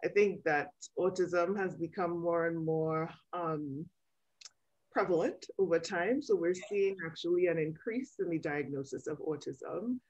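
A woman developmental pediatrician explaining things in an interview over a video call, measured with frequent ums. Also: on the low side, a little mellow, highs cut off.

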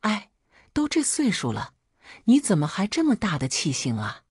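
A woman voicing a calm older husband who gently chides and reassures his wife. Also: mid-range voice, normal speed, slightly rough, no room sound, studio quality. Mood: chiding.

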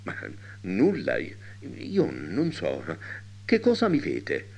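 A man's voice: lowish voice, wildly swooping pitch, takes it slowly, gravelly, darkish tone, slightly rough, heavily acted. A man voicing a young servant girl who stammers, flustered by questions. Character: flustered giggly young maid.

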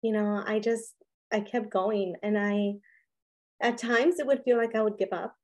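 A woman's voice: mid-range voice, steady tone, unhurried, darkish tone. A woman guest in an interview, telling her personal story in an earnest, candid way, often saying "you know". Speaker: interview guest, business owner.

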